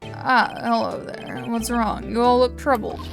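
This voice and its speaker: A woman's voice: fairly high pitch, steady tone, measured pace, gravelly, soft background music. A woman doing a genial older boss.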